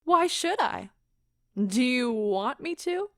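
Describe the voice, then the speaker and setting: In an audio drama, an actress voices a wife who is wounded and bitterly defiant, her high, sing-song voice moving slowly and deliberately with impassioned, exaggerated theatrical feeling. The tone is fairly bright and the mood brittle and hurt. The recording is close and dry, with no echo.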